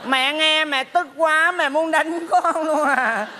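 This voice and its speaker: A man voicing a nagging old mother's ghost in a stage comedy sketch, scolding slowly. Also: extremely high pitch, fairly even intonation, sharp tone, a little hiss or hum, exaggerated voice. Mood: lecturing. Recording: stage hall with long reverb.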